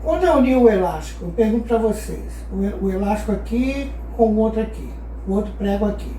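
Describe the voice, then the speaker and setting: A woman's voice: medium pitch, expressive, fast, dark tone, slight background noise. A woman teaching a math lesson, patiently asking her class questions and answering them herself. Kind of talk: explaining a geometry lesson. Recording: echoey room, voice far from mic.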